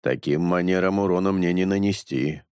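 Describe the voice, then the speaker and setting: A man voicing a calm grey-haired councillor. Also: low-pitched, normal speed, smooth, no room sound, studio quality, close to an everyday voice. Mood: calmly menacing. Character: tall grey-haired dignified male councillor, calm and commanding.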